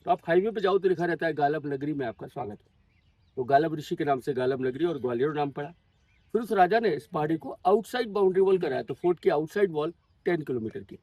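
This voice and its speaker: Man tour guide, husky, fairly high voice, patient storyteller, outdoors at a monument. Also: expressive, fast, no room sound, muffled recording. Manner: patient storytelling, drops in English words and numbers. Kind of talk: guided history talk to a tour group. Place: outdoors at a historic monument site.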